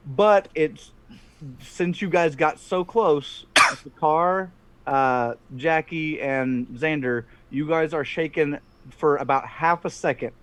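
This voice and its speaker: A middle-aged man narrating a tabletop game as game master, in a halting way with repeats. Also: a little high. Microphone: headset on a video call.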